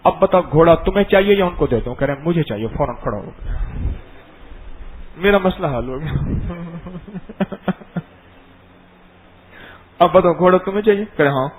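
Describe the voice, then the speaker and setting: A middle-aged man giving a dawn religious lesson, telling stories and acting them out in an animated way. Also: a little high, long pauses, slight background noise, low-quality recording. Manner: animated, acts out scenes and voices. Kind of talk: storytelling sermon.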